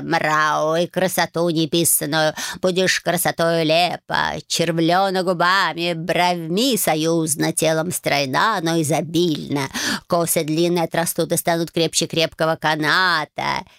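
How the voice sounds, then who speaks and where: A woman voicing an ancient, proud male magic cat who speaks slowly and haughtily and slips meows in between his words. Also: low-pitched, steady tone, creaky, fairly bright tone, clear, resonant tone, dry recording, studio quality, full character voice. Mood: instructive. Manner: slow, drawn-out, haughty, with meows. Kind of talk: audiobook character voice.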